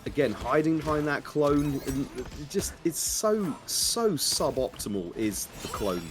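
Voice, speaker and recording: A man's voice: on the high side, animated, a little slow, a little hiss or hum. A man giving color commentary on a fighting game match, wry and joking, full of technical analysis.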